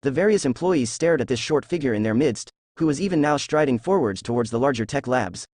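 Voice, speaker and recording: A man reading a fan fiction story aloud in a steady storytelling voice. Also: medium pitch, fairly quick, dry recording, clean studio sound. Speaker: narrator.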